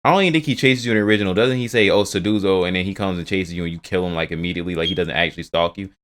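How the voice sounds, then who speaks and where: A man with a low voice reacts to news in a rapid stream of casual commentary. He swears freely, trails off and restarts his sentences as he goes. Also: a bit bright. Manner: rambling, profane, restarts a lot. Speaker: video host reacting to game news.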